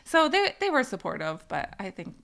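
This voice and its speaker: Middle-aged woman from Canada, podcast guest; very gravelly, sharp tone, giggly and hesitant. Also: medium pitch, very animated, normal speed. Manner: laughing often, hesitant with many ums. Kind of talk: casual interview chat.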